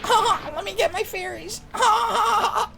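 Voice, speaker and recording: A man doing an impression of a nerdy, excitable old-school professor with squeaky, yelping exclamations. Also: takes it slowly, creaky, exaggerated voice. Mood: goofy nerdy. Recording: game music behind.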